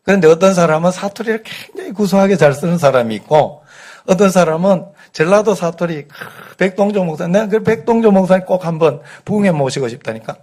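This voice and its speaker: A middle-aged pastor with a light Gyeongsang accent, preaching a conversational Sunday sermon, telling folksy stories and asking the congregation rhetorical questions. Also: male voice, high voice, expressive, fairly quick, a little mellow. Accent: light Gyeongsang dialect. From Gyeongsang region, South Korea.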